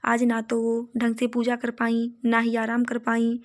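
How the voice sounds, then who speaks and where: A woman narrates a moral story in a steady, scripted way. Her voice sits fairly high, with almost no rise and fall. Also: measured pace.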